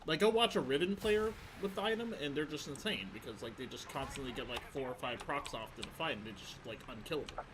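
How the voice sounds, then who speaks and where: A man's voice: medium pitch, fast talker, few pauses, background noise. A young man hosting a gaming video, chatting casually with a friend while he plays and venting in frustrated bursts. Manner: animated, frustrated outbursts, many "like" fillers.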